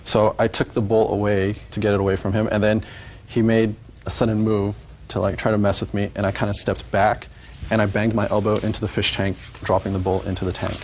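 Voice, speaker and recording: A man giving courtroom testimony as a defendant in a hesitant, halting way. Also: lowish voice, little pitch movement, slight background noise.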